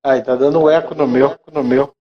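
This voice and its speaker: A man's voice: medium pitch, fairly even intonation, moderate pace. A man joining a live stream by video call. He sets up his camera and sound in a casual way, and each phrase comes back a second time as an echo on the line. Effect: echo on the call line, each phrase heard twice. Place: remote home setup. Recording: dull echoing call line with faint noise.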